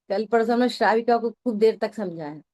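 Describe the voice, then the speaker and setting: A woman with a somewhat high voice gives a religious discourse to her class. Her tone is conversational, and she often stops to ask whether the point has landed. She scolds her listeners in a familiar, teasing way. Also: unhurried, warm tone. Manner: conversational, keeps checking that listeners follow. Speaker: teacher of a scripture study class.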